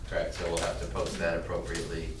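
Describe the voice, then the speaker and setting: A man chairing a formal meeting in a brisk, businesslike way. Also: low-pitched, monotone. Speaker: board chair. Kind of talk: formal meeting procedure mixed with casual discussion. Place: meeting room, picked up from a distance. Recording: echoey room, distant mic, clear background noise.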